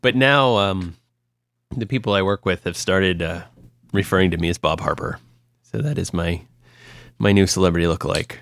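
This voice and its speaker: A man's voice: low-pitched, normal speed, fairly bright tone, dry recording, studio quality. A young man from Ohio co-hosting a podcast, telling stories in a casual, rambling way with lots of fillers and restarts. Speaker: podcast co-host. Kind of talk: casual chat.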